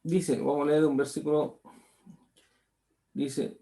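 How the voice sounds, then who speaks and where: A man's voice: a little high, flat delivery, slow pace, gravelly, warm tone. A male pastor preaching a sermon, reading scripture aloud and then expounding on it, repeating phrases and tagging lines with "¿cierto?".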